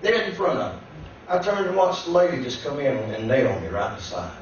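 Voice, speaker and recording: A man preaching as a guest pastor. He tells a personal testimony that builds into shouted preaching. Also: mid-range voice, a little fast, slight background noise. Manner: storytelling that climbs into shouted preaching. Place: church sanctuary. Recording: echoey church room, distant dull mic.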